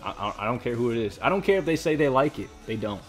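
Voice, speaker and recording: A man's voice: medium pitch, expressive, fast talker, soft background music. A young man reading comments aloud and ranting about them in casual commentary, exasperated and lecturing, often repeating himself.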